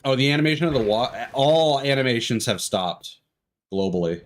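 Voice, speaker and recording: While livestreaming a video game, a man offers casual commentary, rambling and analyzing as he shares his opinions. His voice is medium-pitched and expressive at a normal speed, with video game music playing in the background.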